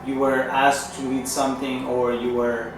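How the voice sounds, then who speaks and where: A man in his thirties from Chile, a native Spanish speaker, giving an earnest testimonial as a management consultant, pausing and restarting often. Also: medium pitch, flat delivery. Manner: earnest, halting, with frequent pauses and restarts. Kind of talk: testimonial interview. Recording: echoey room, distant mic, music underneath.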